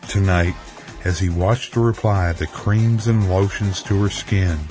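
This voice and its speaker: A man narrating a dramatic story in a measured, even way, with faint music underneath. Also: low voice.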